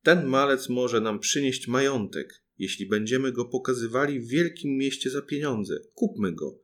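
A man voicing a greedy, scheming stranger who talks smoothly and persuasively in a storybook reading. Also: mid-range voice, animated, moderate pace, close to an everyday voice.

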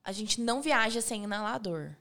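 Uma mulher convidada de um bate-papo, contando histórias da sua cachorra de forma animada e falante. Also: female voice, mid-range voice, animated, a bit bright. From Brazil, Goiás. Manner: fast, chatty storytelling. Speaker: guest, pet influencer's owner. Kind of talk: casual chat.

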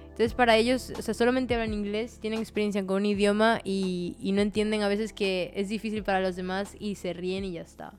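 Chatty woman from Latin America, podcast guest, mid-pitched, loose casual talk. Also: flat delivery, brisk, soft background music. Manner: chatty, many fillers and "¿sabes?" tags. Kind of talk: casual conversation.

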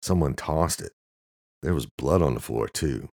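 A man with a very deep voice playing a crude, quick-tempered young male artist who swears and shouts when angry. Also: animated, vocal fry, no echo, clean studio sound, exaggerated voice. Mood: shaken. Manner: profane, sarcastic, shouting in anger.

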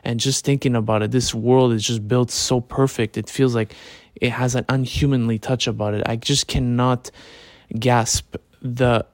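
A man talking in a relaxed way, as if lying in bed, in a casual, reflective late-night monologue with informal slangy phrasing. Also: medium pitch, normal speed, no room sound, studio quality. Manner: informal slangy talk with swearing. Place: in bed at home.

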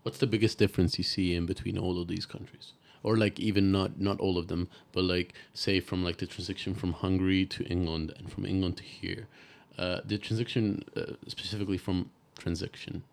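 A man's voice: deep voice, flat delivery, brisk, vocal fry, few pauses. A man co-hosting a podcast, asking eager, probing questions. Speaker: podcast co-host. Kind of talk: casual podcast interview.

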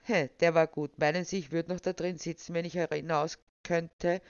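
Reader doing a grumpy trapped guy yelling for help, dull dry recording. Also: medium pitch, expressive, normal speed, no echo, close to an everyday voice. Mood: irritated. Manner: shouts for help, then pleads. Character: trapped irritable man, Jona.

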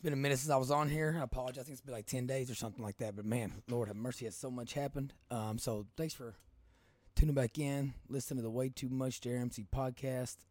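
A man with a Kentucky accent and a hoarse smoker's rasp, hosting a casual podcast in a folksy, rambling, colloquial way. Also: mid-range voice, steady tone, fast talker, a little mellow, no echo. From Kentucky, United States. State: hoarse from coaching. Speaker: podcast host.

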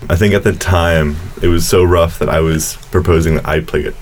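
A young man from Alaska who plays keys in a band, talking modestly and haltingly in a casual interview. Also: low voice, steady tone, a little hiss or hum. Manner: modest, hesitant, laughs at himself. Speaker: band keyboardist.

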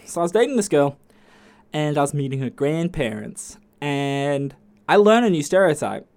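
A man with an Australian accent hosting a podcast alone, telling stories in a casual, chatty way and swearing freely. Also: normal speed. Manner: chatty, swears freely, jumps to high excited pitch. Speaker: podcast host. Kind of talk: casual solo podcast storytelling.

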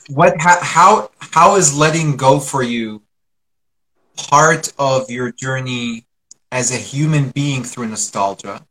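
A man hosting a conversational interview, putting questions deliberately and rephrasing them in careful pieces. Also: mid-range voice, sharp tone, rough recording. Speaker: interviewer, host.

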